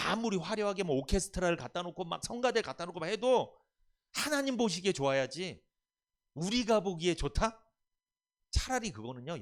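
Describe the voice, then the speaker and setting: Guy pastor preaching, keeps asking the pews questions, voice a bit high and jumping all over. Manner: animated, asks the congregation questions and answers them. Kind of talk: sermon.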